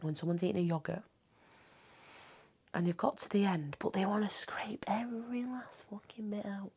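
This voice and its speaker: A woman in her thirties hosting a casual solo podcast at home late at night. She rambles and swears freely, and she often drops into a hushed half-whisper. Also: medium pitch, fairly even intonation, normal speed, breathy edge. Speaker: podcast host.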